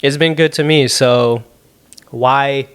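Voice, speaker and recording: A man's voice: medium pitch, fairly even intonation, slow, a bit bright, clean tone. Joking, rambling young Canadian man. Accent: Canadian English. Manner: rambling, jokey, sarcastic asides. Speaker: podcast host. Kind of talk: solo podcast Q&A, casual chat. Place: apartment room at home.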